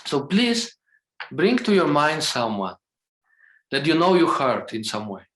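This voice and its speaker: A man leading a calm guided meditation over a video call, speaking English with non-native phrasing and checking in gently with a soft "okay?". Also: fairly high pitch, unhurried. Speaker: meditation teacher. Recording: roomy video call sound.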